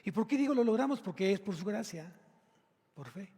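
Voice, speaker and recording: This pastor's voice sits high and is slightly rough, expressive and fairly quick, with a long reverb tail behind it. A man with a Mexican Spanish accent, he preaches emphatically in a church sanctuary, questioning the congregation head-on and building to loud exclamations.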